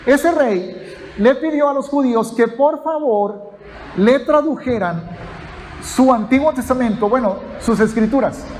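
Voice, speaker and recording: A man's voice: extremely high pitch, expressive, a little slow, darkish tone, slight background noise. A man teaching a sermon, explaining step by step and checking in with his listeners. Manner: explanatory, addresses listeners as brothers, asks "ok?". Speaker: pastor.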